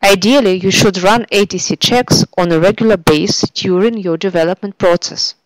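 Woman, screencast narrator, even instructional read, dry close mic. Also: medium pitch, moderate pace, no echo, rough recording. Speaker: software tutorial presenter.

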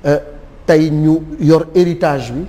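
A middle-aged man, a guest on a TV talk show, speaking in a measured, solemn way and mixing French with Wolof. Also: fairly high pitch, dark tone, big-room sound, a little hiss or hum. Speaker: studio guest. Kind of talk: formal tribute speech. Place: TV studio set.

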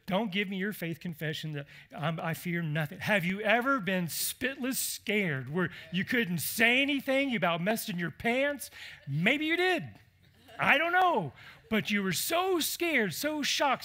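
A man preaching a sermon as pastor, animated and conversational, putting questions to the congregation. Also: sits high. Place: church.

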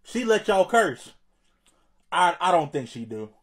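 A man's voice: sits high, very animated, unhurried, a bit bright, full character voice. A man playing a sassy female substitute teacher in a comedy skit, laughing and calling the kids baby.

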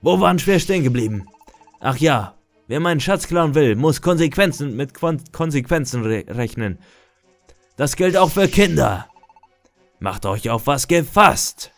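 A menacing, greedy male monster , voiced by a man reading the game text, growls out his threats in a loud, drawn-out voice. Faint game music plays behind him. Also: on the high side, lively intonation, dry recording.

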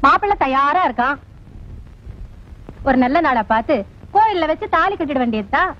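A woman's voice: sits high, lively intonation, moderate pace. An actress playing an anxious village mother who wails and laments in 1980s film dialogue. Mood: firm. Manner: wailing, lamenting. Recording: dull lo-fi film soundtrack.

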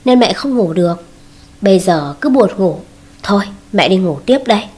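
A sleepy older mother-in-law answers calmly and matter-of-factly, unbothered and eager to get back to bed, as a woman narrator reads her. The voice is a little husky. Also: mid-range voice, moderate pace. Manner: calm, matter-of-fact.

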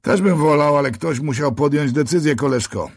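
A man's voice: fairly high pitch, normal speed, creaky, no room sound, clean studio sound, pitched above the performer's own voice. A man voicing a tired, heavyset male police officer near fifty in an audiobook, matter-of-fact and a little sardonic. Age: middle-aged. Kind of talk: audiobook character voice.

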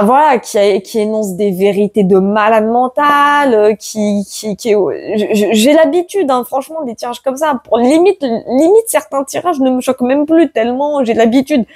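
A woman reading tarot cards aloud to her viewers in a casual chat, tagging her sentences with "hein" and bursting into loud exclamations. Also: fairly high pitch, no echo, studio quality. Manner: excitable, exclaims loudly, many "hein" tags. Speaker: tarot card reader. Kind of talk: casual card-reading video.

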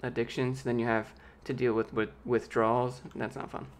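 At a moderate pace and with a flat delivery, a late-twenties man casually answers chat on his live stream, reading each viewer question aloud and rambling through a reply. His youthful, light voice occasionally squeaks, and a little hiss or hum is audible. He's in a small home office, close to a big pop-filtered studio mic.

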